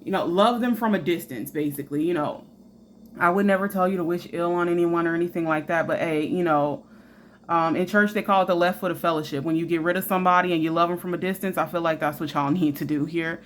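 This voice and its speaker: A woman gives a casual tarot reading in a chatty, frank voice, full of fillers and asides. Her voice sits on the low side. A faint background noise runs under her speech. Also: steady tone, fast talker. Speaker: tarot reader.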